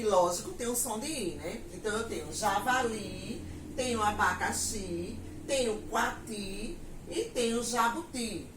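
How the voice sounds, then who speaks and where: A woman teacher with a Pernambuco accent gives a lesson, dictating words and sentences slowly. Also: on the high side, fairly bright tone, slight background noise. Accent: Pernambuco Portuguese. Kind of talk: recorded classroom lesson. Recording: echoey room, mic at a distance, faint ambience.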